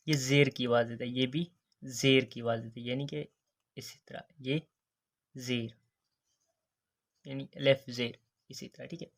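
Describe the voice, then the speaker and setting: Guy teaching the alphabet, medium pitch, says each letter slow, keeps saying next and okay. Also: level tone. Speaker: English teacher. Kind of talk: alphabet lesson narration.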